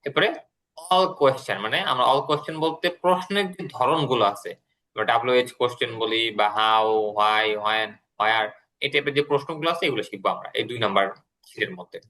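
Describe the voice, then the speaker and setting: Bright-voiced teacher explaining patiently. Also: male voice, medium pitch, brisk. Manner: explains patiently, repeating words and translations. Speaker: English teacher. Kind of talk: classroom lesson.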